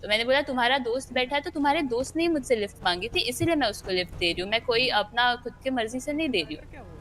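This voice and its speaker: A woman's voice: a little high, lively intonation, fast talker, a bit bright. Insistent woman telling her side. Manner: insistent, retells the quarrel with quoted lines. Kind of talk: heated in-character argument.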